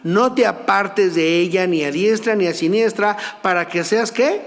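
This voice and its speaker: A man preaching a sermon in a church, swinging from loud urgent peaks to soft, low asides. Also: unhurried, in a large hall. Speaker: pastor. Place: church sanctuary.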